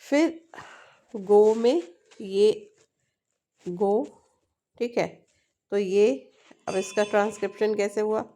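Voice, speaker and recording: A woman with an Indian accent walks her students through a linguistics lesson at an unhurried pace, her voice at a middle pitch. She reads English definitions word by word, then explains them in Hindi. She keeps checking that they are following her. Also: warm tone. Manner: slow, deliberate reading of English definitions; frequent checking tag questions. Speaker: linguistics tutor.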